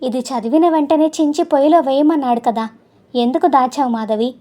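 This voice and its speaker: A woman voicing a calm, caring middle-aged husband. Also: high voice, moderate pace, lightly acted. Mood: tender. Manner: soft, soothing, steady.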